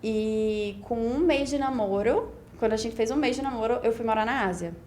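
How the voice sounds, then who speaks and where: A woman's voice: fairly high pitch, normal speed, a little mellow, a little hiss or hum. Young Brazilian woman, reflective podcast guest. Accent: Brazilian Portuguese, Pernambuco. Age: 20s. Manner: reflective, talks in long run-on stretches with frequent "né?". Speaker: guest, beauty pageant winner. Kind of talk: casual podcast interview.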